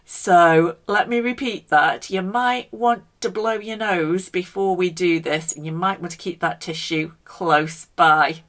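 A woman's voice: fairly low pitch, unhurried, hardly any pauses, a bit bright. A woman leads a casual guided breathing lesson, talking the listener through steps in a playful, encouraging way. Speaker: breathing exercise instructor.

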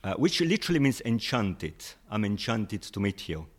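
A man with a fairly low voice talks through his points patiently, stacking up examples the way a friendly teacher would. English is not his first language, and he keeps the tone relaxed and conversational, as a guest in an interview. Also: moderate pace. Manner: patient, explains with examples, chuckles often. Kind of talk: casual explanatory chat.

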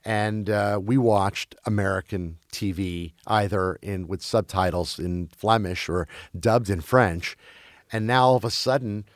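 A man with a lowish voice, chatting loosely about film and streaming. He grew up in Belgium, and he restarts his sentences and hunts for words as he goes. The sound is dry and close. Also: dry recording. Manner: halting, many restarts and fillers.

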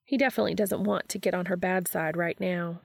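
Woman narrator, low voice, gravelly fry, dry close sound, steady read-aloud. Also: fairly quick, dry recording. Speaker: fanfiction reader.

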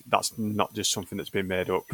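A man's voice: deep voice, fairly even intonation, a little fast, fairly bright tone, breathy edge, no echo. A man co-hosting a podcast in casual chat, hesitant and self-deprecating. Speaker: podcast co-host.

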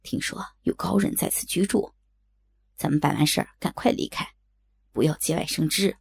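A woman voicing a cautious, weary older male bandit who scolds his reckless junior in a lowered voice, for an audiobook. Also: lively intonation, normal speed, gravelly, husky, exaggerated voice. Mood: cautioning.

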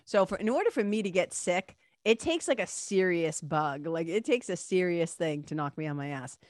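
A woman's voice: lowish voice, lively intonation, moderate pace, darkish tone, no echo, studio quality. A woman with a stuffy, congested nose and a nasal sound, hosting a solo podcast in a casual, playful, lightly sweary chatty way. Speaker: podcast host.

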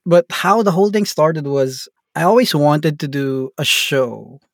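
This Filipino man, a tabletop game master, speaks at a measured pace in a voice on the high side. Appearing as an interview guest, he rambles in a relaxed way, full of fillers and tag questions, and the recording is dry and studio quality.

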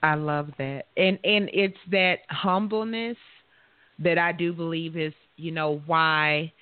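A woman's voice: deep voice, fairly even intonation, takes it slowly, smooth, no echo. A woman hosting a radio interview, enthusiastic and often restarting her sentences. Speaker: radio show host. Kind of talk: casual interview. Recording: thin phone-line sound, dry.

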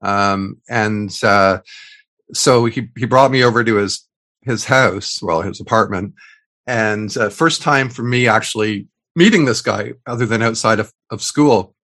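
A man's voice: lowish voice, unhurried, a bit bright. A man in his fifties co-hosting a podcast, chatting casually with many fillers and restarts over a video call. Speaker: podcast co-host. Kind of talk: casual chat.

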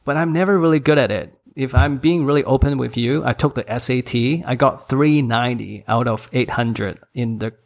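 Barely pausing, a Hong Kong–accented course creator in his thirties talks at a moderate pace with vocal fry in a mid-range voice. As a podcast guest using English, his third language, he's candid, jokes at his own expense, and laughs frequently.

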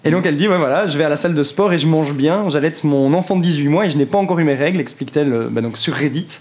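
A young man who talks fast in a fairly high voice, reading a political column with playful, showy flourishes. He comes across as a student radio columnist. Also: a little mellow. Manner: quick, theatrical announcer flourishes. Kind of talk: scripted political recap.

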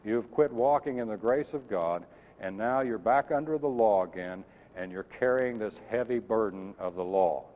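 Recorded with tinny lo-fi sound in an echoing hall, a preacher with a low voice speaks at normal speed. He teaches with earnest emphasis and asks his listeners questions.

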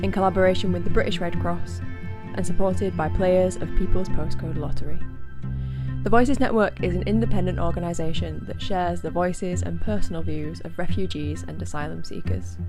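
A woman reading scripted credits and an appeal in a measured, formal way. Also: fairly low pitch, fairly even intonation. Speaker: credits announcer. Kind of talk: scripted read announcement. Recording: music bed under the voice.

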